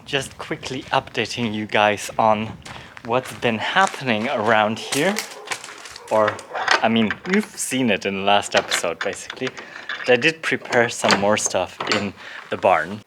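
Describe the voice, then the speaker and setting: A man's voice: on the low side, a little slow, heavy background noise. Chatty man in his late thirties. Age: late 30s. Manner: relaxed, chatty, often laughing, many fillers. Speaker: vlogger. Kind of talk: casual vlog chat. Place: outdoors and in a barn on a rural property.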